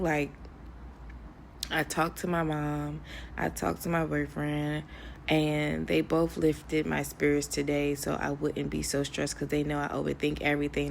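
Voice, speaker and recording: A woman's voice: deep voice, gravelly, slight background noise. A young woman in a candid personal vlog, talking to her viewers in a rambling way, stressed and close to tears. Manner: candid, talks to viewers as "y'all", rambling with fillers. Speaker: vlogger.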